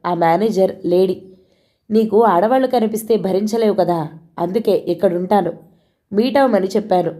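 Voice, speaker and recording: A patient but blunt husband, as a woman reader puts him on. He explains himself plainly and firmly in a mellow voice. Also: medium pitch, moderate pace, close to an everyday voice.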